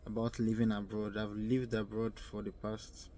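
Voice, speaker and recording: With a Nigerian accent and a warm, monotone voice on the low side, a young man from Nigeria offers earnest advice in a casual vlog. He tends to repeat himself and pause while searching for words, and faint ambient noise can be heard.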